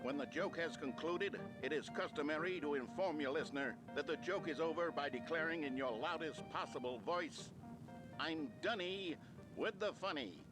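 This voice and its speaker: A chipper instructional video announcer, played by a man, with a slightly high voice and brisk, cheerful pacing. Loud music plays under every line, in the style of an old training film. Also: close to an everyday voice. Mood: upbeat. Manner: brisk, cheerful presenter delivery. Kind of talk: mock instructional video narration.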